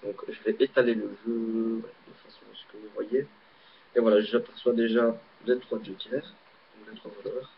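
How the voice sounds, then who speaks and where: Belgian guy showing a card trick, lowish voice, umms a lot, muffled webcam sound. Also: level tone, normal speed, gravelly. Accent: Belgian French. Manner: hesitant, rambling, many fillers. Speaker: amateur magician. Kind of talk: casual card-trick demonstration. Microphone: laptop webcam mic. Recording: dull lo-fi webcam audio, faint hiss.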